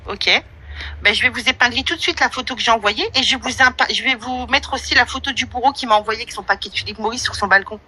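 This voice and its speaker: A woman hosts an online audio room, delivering a brash, slangy, confrontational monologue with questions from listeners in a casual setting. Her voice is on the high side, quick, pushed and bright, and the audio quality is poor.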